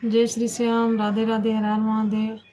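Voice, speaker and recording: Woman, live-stream host, casual chat, repeated devotional greetings, phone mic, slightly high pitch. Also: monotone, moderate pace, warm tone, faint music behind.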